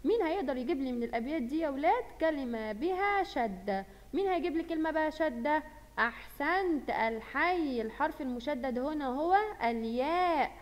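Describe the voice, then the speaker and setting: A woman's voice: sits high, animated, fairly quick. A woman with an Egyptian Arabic accent teaching a primary school lesson, asking questions and praising the pupils. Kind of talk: recorded lesson for young children. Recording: long reverb from a hall-like room.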